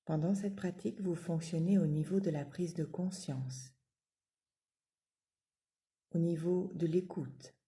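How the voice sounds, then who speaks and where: A woman leads a yoga nidra relaxation, her lowish voice calm, soothing, and measured. She offers gentle spoken instructions separated by long pauses.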